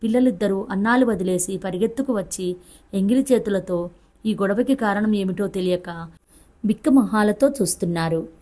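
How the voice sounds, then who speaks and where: A woman reading a Telugu family novel aloud in a steady, expressive storytelling voice. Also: medium pitch, moderate pace. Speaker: audiobook narrator.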